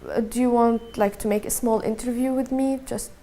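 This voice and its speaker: A young woman of twenty-one with a Syrian accent tells her story in an interview, slow to find her words and often repeating them. Her voice sits slightly high but stays level, with a gravelly fry and a dark, mellow tone. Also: steady tone, a little hiss or hum. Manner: halting, repeats words, measured and subdued. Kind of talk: personal testimony.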